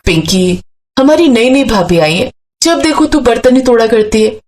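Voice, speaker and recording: A woman voicing a gentle, sweet-natured young woman with a bright way of speaking. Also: on the high side, animated, moderate pace, natural voice. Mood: reproachful.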